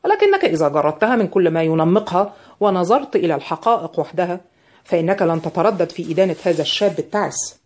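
A woman voicing a shrewd older male barrister in an audiobook, reasoning aloud in a measured way. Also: lowish voice, lively intonation, darkish tone, lightly acted. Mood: musing. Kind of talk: audiobook character reading.

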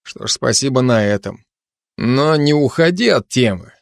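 A wry, grumbling constable, read by a man, trading dry sarcastic jabs with a cat in an audiobook. His voice sits in a middle pitch, close and dry with no room around it. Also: lively intonation, normal speed, gravelly, no room sound. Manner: dry, sardonic, chatty banter with a cat.

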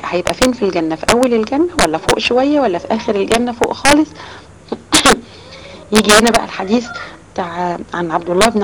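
Fast-talking Egyptian woman teaching children. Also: mid-range voice. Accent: Egyptian Arabic. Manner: explains with many rhetorical questions. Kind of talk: storytelling lesson for children. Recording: loud background noise with clicks.

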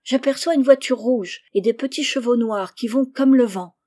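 A woman's voice: fairly high pitch, normal speed, warm tone, close to an everyday voice. A woman voicing a timid, anxious orphan girl in an audiobook reading, with a complaining manner. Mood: fretful.

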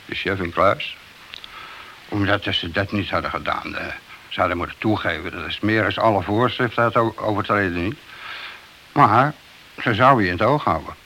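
This radio drama actor voices a principled police detective with many years on the job, delivering a matter-of-fact admonishment. He has a lowish, bright, forceful voice at normal speed, broken by long pauses. The old radio recording is hissy and noisy.

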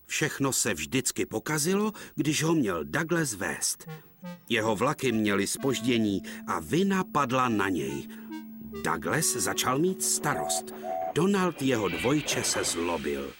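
A man narrating a dubbed cartoon story in a scripted, expressive storybook style. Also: fairly low pitch. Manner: lively, expressive. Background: music.

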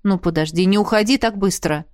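A woman voicing a calm, playful grown man, a rector who teases and coaxes in a soft, lowered voice. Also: brisk, no room sound, clean studio sound, close to an everyday voice. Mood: coaxing. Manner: soft, lowered, easygoing and coaxing.

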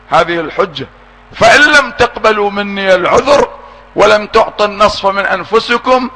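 A male preacher giving an impassioned sermon, dropping to quiet asides and rising to shouts. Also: very high-pitched, low-quality recording. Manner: impassioned, swinging between hushed and shouted.

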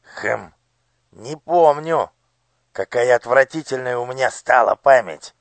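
A querulous old palace ceremony master with a high, quavering voice that goes shrill and loud when he barks orders, as a man reads him in an audiobook. He blusters and fusses, and the voice is dry and close. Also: measured pace, dry recording, lightly acted. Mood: blustering. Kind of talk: audiobook character voice.

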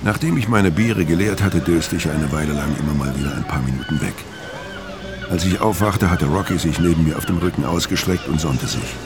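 Here a bass-voiced man speaks a little quickly with music behind him. He delivers first-person narration for a radio crime drama, playing a middle-aged tough guy who is laconic, brooding and world-weary.

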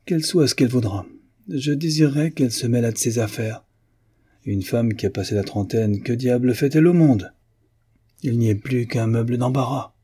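A man's voice: medium pitch, moderate pace, dark tone, husky, close to an everyday voice. A man voicing a rude, idle young aristocrat who talks bluntly and carelessly, swearing freely. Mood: scornful.

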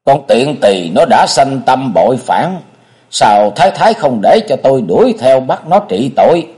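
A man's voice: mid-range voice, big pitch swings, darkish tone, close to an everyday voice. A man voicing a loyal, worried middle-aged woman servant in a storybook reading. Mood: resentful. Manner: hurried, worried.

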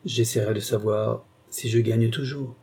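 Un jeune homme posé et persuasif, lu par un homme, qui parle doucement et avec mesure. La voix est sombre, un peu voilée, plutôt basse en volume. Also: male voice, fairly even intonation, gravelly, mellow, slightly rough. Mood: calm. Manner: measured, persuasive. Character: calm young man reasoning with the old host.

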